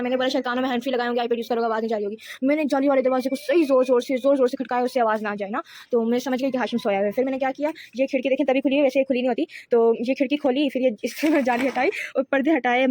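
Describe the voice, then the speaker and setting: A woman's voice: high voice, a little mellow. A teenage girl telling a rambling, giggly storytime in a casual vlog. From Pakistan. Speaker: vlogger.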